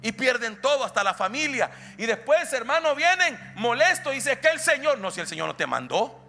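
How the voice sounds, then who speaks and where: A man with a Salvadoran accent preaching a sermon as an apostle, folksy and animated, acting out the voices of people he quotes and building to loud, emphatic preaching. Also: extremely high pitch, brisk, creaky, slight background noise. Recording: church hall reverb with faint music.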